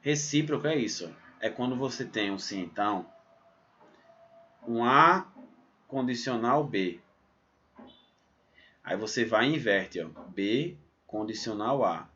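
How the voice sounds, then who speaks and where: A man from Pernambuco teaching a recorded math lesson, talking it through step by step with a lively delivery and frequent "né?" tags. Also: medium pitch, slow, pauses often, a little hiss or hum. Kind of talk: recorded exam-prep lesson. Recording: slightly dull, muffled sound.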